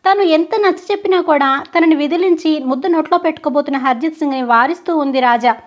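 A woman narrating a story in a plain, steady storytelling manner. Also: high-pitched, fast talker.

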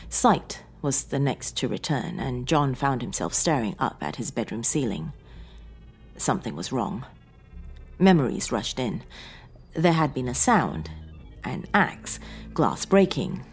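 A woman's voice: rumbling low, husky. A woman narrating a scripted horror story in a dramatic, suspenseful reading.

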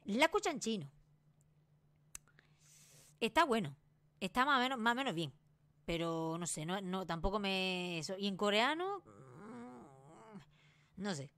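A woman in her late twenties from Spain with a Granada Spanish accent, rambling excitedly in a casual vlog and restarting her sentences often. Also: mid-range voice, measured pace, pauses often. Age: late 20s. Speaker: YouTuber.

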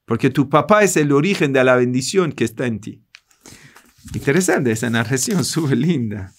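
A man's voice: mid-range voice, animated, moderate pace. A man from Iran with a Persian accent, a native Persian speaker, teaching a religious class in Spanish and earnestly addressing his listeners. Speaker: Islamic teacher.

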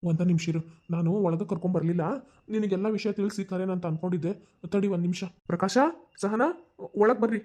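Woman doing a young cartoon man, Dharwad Kannada accent, reassuring, lowish quick voice. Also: fairly even intonation, dark tone, lightly acted. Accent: North Karnataka Dharwad Kannada. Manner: reassuring, persuasive. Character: caring young man, peacemaker nephew. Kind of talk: cartoon voice acting.

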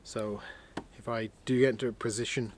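Inside a heated canvas tent on a winter camping trip, a male outdoor vlogger casually shows off new gear, thinking aloud with fillers in a relaxed, chatty way. His voice is on the low side and a little fast, with slight background noise.

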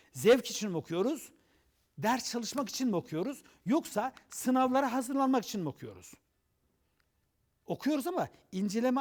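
A man hosting a TV program on education, lecturing with strings of rhetorical questions. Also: sits high. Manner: lively, rhetorical questions in long runs. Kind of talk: motivational lecture on TV.

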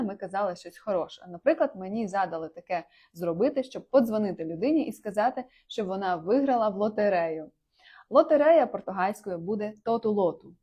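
A woman's voice: a little mellow, breathy edge. Chatty woman teaching with laughs. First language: Ukrainian. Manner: chatty, laughs often, jumps up in pitch on example words. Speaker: Portuguese language teacher. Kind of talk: casual video lesson.

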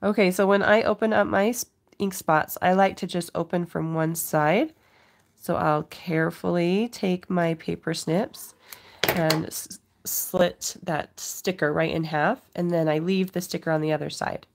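A middle-aged woman hosting a casual craft demonstration for viewers sits at a home craft table indoors, speaking unhurriedly in a fairly low, creaky voice with a steady tone. She has a cold and coughs now and then.

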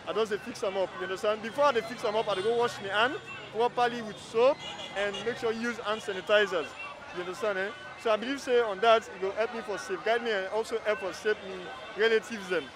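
A man's voice: high voice, steady tone, fairly quick. A man with a Sierra Leonean Krio accent speaking through a face mask outdoors in a street interview, often checking in with "you understand?".

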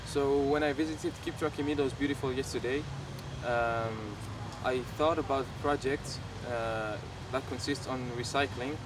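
A man's voice: mid-range voice, fairly even intonation, background noise. Hesitant teen boy, distant outdoor mic. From Algeria. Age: teens. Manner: hesitant, many pauses. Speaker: student interviewee. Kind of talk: interview to camera. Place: outdoors under a pergola.

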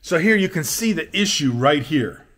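Filming himself close up in an indoor workshop, an older boat restoration vlogger walks through a repair in a plain, matter-of-fact way. His voice sits on the high side and is a bit bright and animated, moving at a moderate pace.

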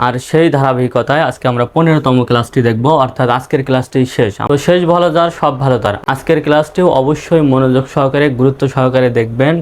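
A male teacher whose first language is Bengali, giving a reading lesson and spelling English words letter by letter before sounding them out. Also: medium pitch.

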